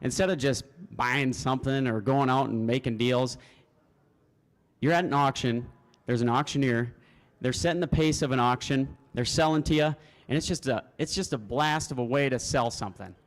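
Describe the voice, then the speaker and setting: A man's voice: medium pitch, moderate pace. A man, an auctioneer contestant, giving spoken interview answers to a room. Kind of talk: spoken interview answers before a live audience.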